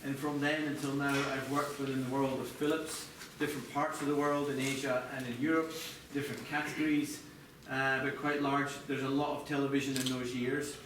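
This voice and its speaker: The recording catches, far from the mic, a middle-aged man from Scotland presenting live as chief TV product designer in an echoey room with an audience and clear background noise. His mid-range voice shows little pitch movement, a little fast with few pauses. He talks conversationally, hesitating and restarting.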